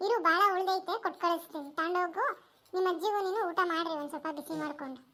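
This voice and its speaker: A woman voicing a kind older village woman in a cartoon, with a warm, motherly manner. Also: very high-pitched, quick pace.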